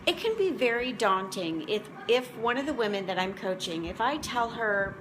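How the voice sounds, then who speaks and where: She's in her forties, hosting a motivational vlog and coaching food prep, and her casual to-camera chat wanders conversationally. Her voice is fairly high and expressive at a moderate pace, with noise in the background.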